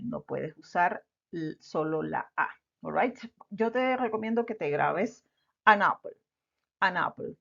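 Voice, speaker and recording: Woman, English teacher, low gravelly voice, patient lesson explanations, muffled recording. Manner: patient, repeats example words, adds "all right?" and "ok". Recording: dull lo-fi recording.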